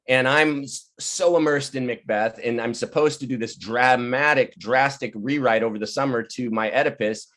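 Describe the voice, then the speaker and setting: Leading a virtual table read as playwright and director, this man swaps stories in a lively, laughing way, quick to perform other people's lines. His mid-range voice comes through a video call microphone in relaxed, anecdotal chat.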